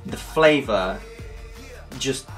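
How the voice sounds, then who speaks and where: A man's voice: medium pitch, expressive, very slow, a bit bright, faint music behind. A man giving a casual, jokey product review, explaining things step by step.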